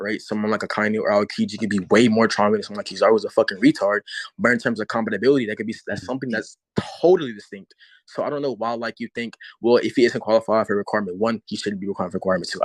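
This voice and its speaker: A man's voice: lowish voice, steady tone, very fast, dry recording, low-quality recording. A man arguing in a heated casual debate, repeating himself and swearing as he pushes his point.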